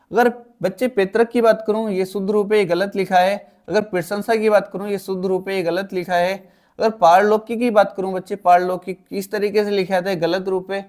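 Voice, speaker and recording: Man, high-pitched voice, teacher, exam-prep lesson, patient explaining. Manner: calls students "kids" often, steady explaining.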